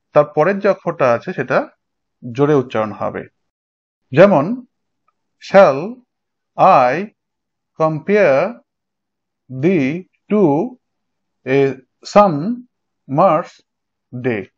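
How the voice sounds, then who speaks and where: A man's voice: on the high side, a little mellow. A male teacher giving a recorded lecture, explaining step by step and checking in with students. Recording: dull lo-fi sound.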